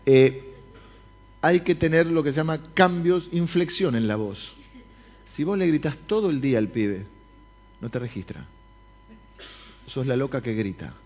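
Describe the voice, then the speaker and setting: A man's voice: mid-range voice, animated, unhurried, pauses often, a little mellow, highs cut off. A man with a Rioplatense accent preaching a sermon, speaking directly to his congregation. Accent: Rioplatense Spanish. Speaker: pastor. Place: church service.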